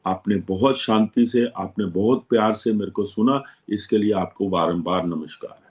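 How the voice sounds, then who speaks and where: A man's voice: fairly low pitch, moderate pace, darkish tone. A man speaking as a guest to financial advisors, giving a motivational talk in which he repeats his slogans to rally them. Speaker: guest speaker on insurance and investment.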